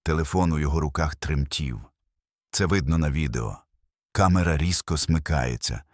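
A man's voice: extremely low pitch, normal speed, no room sound, clean studio sound. An older man narrating his own testimony in the first person, earnest and emotional, in short phrases.

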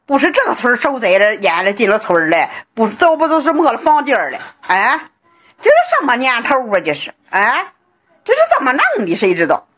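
A woman, a flood-hit villager ranting angrily with sighs, shouts and bitter laughter. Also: on the high side, wildly swooping pitch, brisk. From Hebei, China. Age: late 50s. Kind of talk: angry self-recorded rant.

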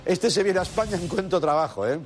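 A man's voice: high voice, animated, quick pace, music in the background. A man hosting a late-night comedy show, delivering a mocking monologue full of playful asides. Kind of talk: comic monologue. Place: TV studio with a live audience. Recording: studio audience and noise.

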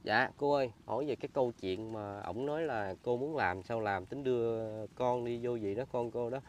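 A man with a Southern Vietnamese Mekong Delta accent, interviewing a woman politely and softly. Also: medium pitch, moderate pace, slight background noise. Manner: soft-spoken, polite, constant agreeing "yes" backchannel. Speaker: interviewer, channel host. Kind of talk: field interview.

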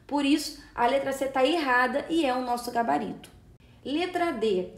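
A woman's voice: high voice, normal speed. A Brazilian Portuguese-speaking woman teacher giving an exam-prep lesson, explaining step by step and checking in often with short tag questions. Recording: roomy echo.

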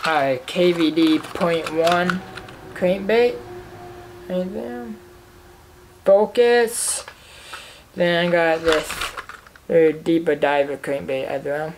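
Slow, rambling young man in a noisy room. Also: a little high, steady tone. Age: young adult. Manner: rambling, halting, repeats himself with many fillers. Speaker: fishing vlogger. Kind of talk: casual tackle haul show-and-tell. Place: living room indoors. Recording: noisy home recording.

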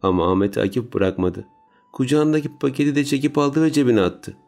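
A man narrating a story in a calm, steady audiobook reading. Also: mid-range voice, brisk, gravelly. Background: soft music.

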